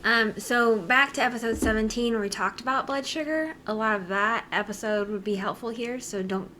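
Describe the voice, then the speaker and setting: Female co-host, mid pitch, bright voice, easygoing interviewer, light noise floor. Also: steady tone, normal speed. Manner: asks questions, laughs along. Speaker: podcast co-host. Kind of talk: casual health podcast chat.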